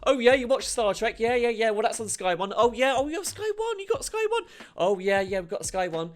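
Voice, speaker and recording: A man's voice: extremely high pitch, big pitch swings, a little fast, pitched above the performer's own voice. A man acting out an overeager, fake-friendly phone sales agent in a hammy, pushy way. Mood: chummy.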